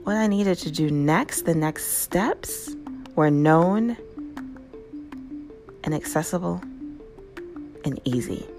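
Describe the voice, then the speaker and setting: Woman talking slow, pitch all over, lowish voice, faint music under it. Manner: lively, conversational, often asks "right?". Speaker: host. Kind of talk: casual motivational talk.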